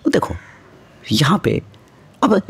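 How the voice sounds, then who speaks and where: A man's voice: takes it slowly, gravelly, slightly rough. A man teaching civil services exam students in a motivational lesson, talking to them directly and mixing in English phrases. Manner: animated, lively rises and drops in pitch and loudness.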